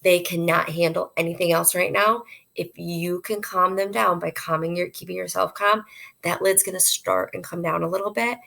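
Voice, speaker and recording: Low, gravelly-voiced woman educator. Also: steady tone, moderate pace, pushed and bright. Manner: earnest and conversational, explains with everyday examples. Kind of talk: informal instructional talk to parents.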